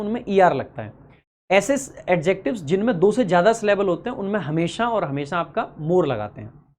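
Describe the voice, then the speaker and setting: A man teaching an exam-prep grammar lesson, explaining briskly and reading each example sentence slowly and deliberately. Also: sits high, a little mellow. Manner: addresses students familiarly, poses questions and answers them himself. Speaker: English teacher.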